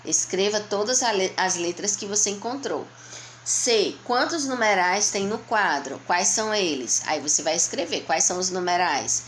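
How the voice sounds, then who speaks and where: A woman with a Brazilian Portuguese accent, a primary school teacher going slowly and patiently through a workbook for young children, asking and answering her own questions. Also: mid-range voice, lively intonation, a bit bright, a little hiss or hum. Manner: patient, slow, explaining step by step to young children. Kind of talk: remote lesson walking through a workbook.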